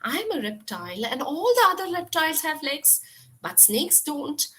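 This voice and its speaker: Woman voicing a puzzled calm snake. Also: sits high, moderate pace, voice pushed up. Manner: puzzled, plain-spoken.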